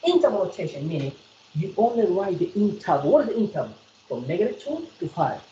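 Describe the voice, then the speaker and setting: South African female maths tutor, lively coaxing delivery, muffled roomy recording. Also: fairly low pitch, fast talker, a little hiss or hum. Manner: repetitive, coaxing, quizzes the student. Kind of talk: one-on-one maths lesson.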